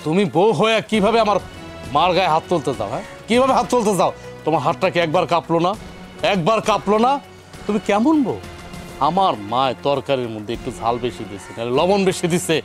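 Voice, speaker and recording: An actor plays an indignant young husband with a colloquial Bangladeshi Bengali accent, scolding in a fairly high voice. He talks fast, and soft music plays underneath. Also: expressive, natural voice. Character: angry young husband defending his mother. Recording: with faint background music.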